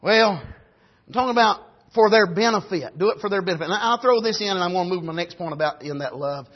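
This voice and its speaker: A man's voice: high voice, animated, fast. A middle-aged man with an Appalachian accent preaching in a folksy storytelling style, repeating and restarting phrases for emphasis. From rural United States, grew up on a farm. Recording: dull, lo-fi sermon recording.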